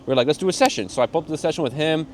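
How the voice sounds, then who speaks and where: A young man in his twenties, a music producer being interviewed, telling stories in a relaxed, slangy way and getting animated when he quotes people. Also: a little high, rapid-fire, slight background noise. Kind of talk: casual interview chat.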